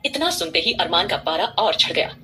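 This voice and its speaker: A woman narrating a dramatic audio story, reading expressively. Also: lowish voice. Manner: expressive, fast-paced reading.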